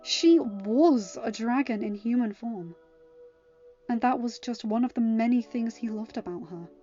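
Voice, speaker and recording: A podfic narrator reads a scripted story aloud, audiobook-style, in a slightly high, warm voice at a somewhat slow pace. The home recording is dull and lo-fi, with music playing underneath.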